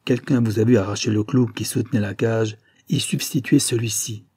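A man reading the part of a stern, commanding gentleman who speaks imperiously in an audiobook. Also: on the low side, steady tone, moderate pace, breathy edge. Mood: menacing. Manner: imperious, firm.

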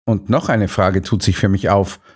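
Voicing a character in an audiobook, a man plays an earnest, put-upon doctor companion with a note of indignation. His voice is low and husky, with a steady tone and normal speed.

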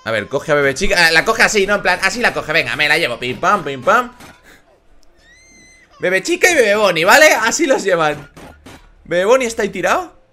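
A man with a Spain Spanish accent giving excitable reaction commentary as a YouTuber, exclaiming at the screen. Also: high voice, fairly quick. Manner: animated, exclaiming and shouting at the screen.

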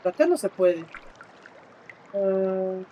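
A man giving casual live commentary while he plays, talking to the game character and to his viewers, swinging between exclamations and low muttering. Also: expressive, slow pace, dark tone, a little hiss or hum. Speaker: streamer.

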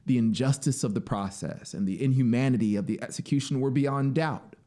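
Reading literary fiction aloud as a dramatic narrator, a man in his thirties keeps a brisk pace and a medium-pitched, dark-toned voice. The setting is a small home music studio, where he sits near a close studio mic mounted on a boom arm.

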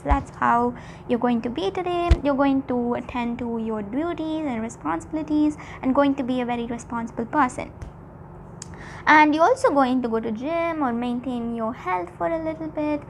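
High-pitched woman giving a mystical tarot reading. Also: moderate pace, slight background noise. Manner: repetitive, hesitant phrasing, addressing listeners directly. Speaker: tarot reader. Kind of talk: mystical horoscope-style tarot reading, informal and unscripted.

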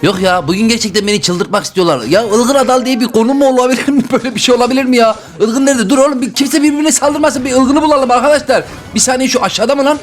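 A man giving excitable gameplay commentary as a YouTuber, often exclaiming and yelling. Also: very high-pitched, fast, few pauses, faint music behind. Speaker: gaming YouTuber.

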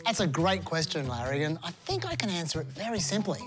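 Lively sarcastic Australian presenter. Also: male voice, on the high side, fast talker, music in the background. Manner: lively, sarcastic, mock-indignant. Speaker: comedy presenter. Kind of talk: scripted comic explainer to camera. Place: airport lounge and plane cabin.

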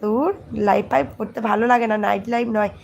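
A woman talks into her phone on a live stream, her voice hoarse and gravelly. She sits a little high and stays level in tone, with little rise and fall. She chats on casually and greets each viewer by name. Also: steady tone, fairly quick, darkish tone, slight background noise. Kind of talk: casual live chat reading comments.

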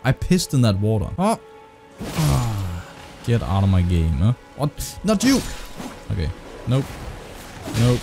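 A man giving excitable, profane gameplay commentary through a heavily compressed desk mic, often jumping up into high shrieks. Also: slow, creaky, pauses often, over music. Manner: excitable, swears a lot, jumps into high shrieks. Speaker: gaming video creator.

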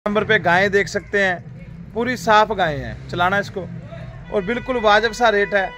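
Farm host, high-pitched male voice, upbeat salesman patter in an outdoor cattle yard on a phone mic. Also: fairly bright tone. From Rajasthan, India. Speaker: dairy farm host selling livestock. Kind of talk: casual livestock sales pitch.

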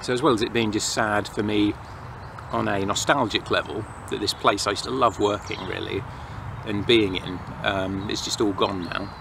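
Here a fairly low, creaky male voice with vocal fry and even intonation speaks at normal speed. He's an English outdoor vlogger in his thirties musing casually to camera in a forest, while planes and traffic hum in the noisy distance.

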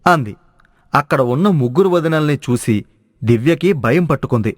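A man's voice: on the high side, expressive, fairly quick, no room sound. Male storyteller, dry close voice. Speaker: narrator. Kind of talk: storytelling narration.

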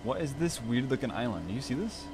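A young man casually bantering while playing a game, teasing and joking and getting loud when excited. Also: medium pitch, fast talker. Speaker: gaming channel host. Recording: noisy gameplay recording.

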